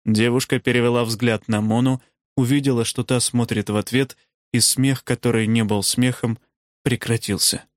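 A man reading a novel aloud as an audiobook narrator, with measured storytelling that shifts pace with the action. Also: medium pitch, steady tone, no echo, studio quality.

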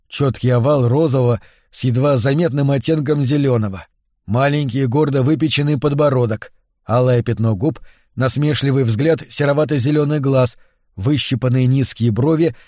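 A male audiobook narrator reading literary prose in a measured, even manner. His voice sits in an ordinary middle range. The recording is close and dry, with no room sound. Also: mid-range voice, dry recording.

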